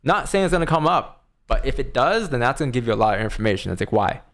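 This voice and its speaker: A man's voice: medium pitch, sing-song, quick pace, fairly bright tone. A man giving casual live commentary as a stream host, rambling informally and thinking aloud.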